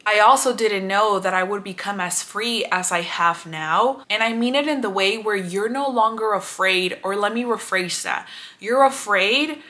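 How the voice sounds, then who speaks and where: A woman's voice: medium pitch, sharp tone. A woman in her thirties from Mexico, hosting a reflective self-growth vlog in an earnest, casual way. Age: 30s. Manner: earnest, casual, often says "literally" and "like". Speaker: vlog host.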